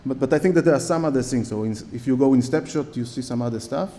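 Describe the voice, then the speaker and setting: Here a man with an Israeli accent speaks fast in a mellow, mid-range voice, though he keeps hesitating with fillers and restarts. He is a conference speaker at a lectern on stage in a large hall, giving a talk with audience questions, and the recording carries long hall reverb.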